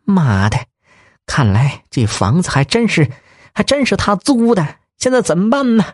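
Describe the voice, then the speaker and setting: Fields: Sex: man. Figure: a squeaky-voiced, rough male kidnapper voiced in an audiobook. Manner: coarse, swearing, jittery. Quality: thin and shrill. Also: wildly swooping pitch, normal speed, dry recording, clean studio sound, full character voice. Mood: rough, nervous. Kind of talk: audiobook character voice.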